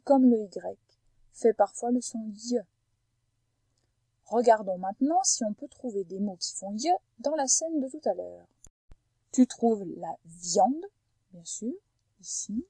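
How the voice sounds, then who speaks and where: A woman teacher with a mellow, slightly husky voice walks a young pupil through a phonics lesson. She talks patiently and slows right down to over-articulate each sound. The recording is close and dry. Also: a little high, no echo, rough recording. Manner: slow, careful over-articulation of sounds for a child.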